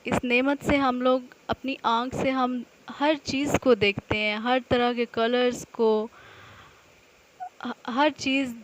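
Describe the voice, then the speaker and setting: A woman teaching a nursery alphabet lesson to young children, stretching each syllable out slowly so they can repeat after her. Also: on the high side, slight background noise, poor audio.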